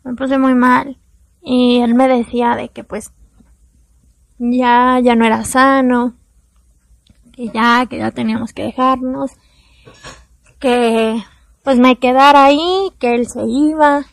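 A young woman with a Mexican accent speaking candidly to her viewers in a personal storytime, in slangy, confessional talk that drops soft at times. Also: fairly high pitch, steady tone, slow, creaky, long pauses, dry recording.

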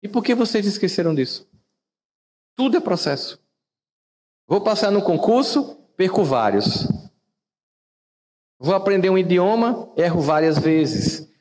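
A Brazilian man with a fairly high voice gives a reflective motivational talk. He chats with his listeners and keeps asking them questions. His voice trails off into a long, hall-like reverb. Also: expressive, a little slow, darkish tone. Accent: Brazilian Portuguese. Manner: conversational, asks listeners questions, wide swings in pitch. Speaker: podcast host and teacher.

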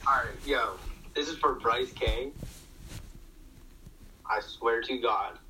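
A man's voice: mid-range voice, takes it slowly, sharp tone, slight background noise, rough recording. A young man co-hosting a casual chat over a video call, teasing and mock-roasting a friend. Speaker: co-host.

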